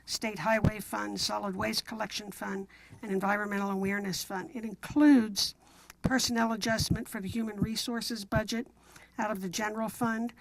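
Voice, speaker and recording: A woman's voice: medium pitch, steady tone, normal speed, creaky, low-quality recording. A woman city council member formally presenting motions and explanations at a meeting in a businesslike, procedural manner.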